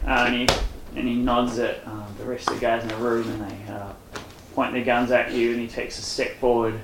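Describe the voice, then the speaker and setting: A man running a tabletop game, narrating in a halting way with many fillers. His voice is gravelly, recorded in an echoey room with noise behind it. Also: medium pitch, little pitch movement. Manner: hesitant, full of fillers. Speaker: game master.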